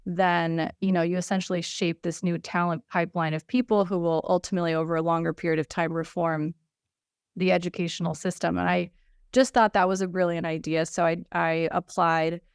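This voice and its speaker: A woman in her thirties, raised between the United States and Russia, talks through her story on a video-call panel. Her voice is low, smooth and clear, with lots of "um"s and restarts. The sound is dry and close. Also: flat delivery, fairly quick, dry recording. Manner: conversational, frequent fillers and restarts. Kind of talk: webinar self-introduction.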